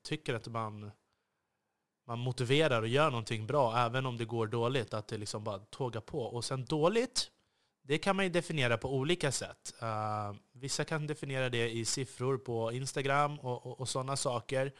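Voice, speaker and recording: A man talks through a solo podcast episode with real intensity, and his delivery can turn biting. He hesitates and restarts often, filling gaps with drawn-out "eh" sounds. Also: mid-range voice, a bit bright. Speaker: podcast host.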